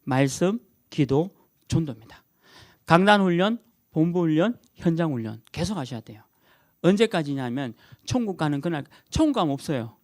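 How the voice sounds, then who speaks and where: Middle-aged guy pastor preaching, voice swinging all over, kinda high, dry close mic, keeps repeating stuff for punch. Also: moderate pace, no echo. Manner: animated and emphatic, repeating key words, chuckling at his own jokes. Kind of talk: sermon.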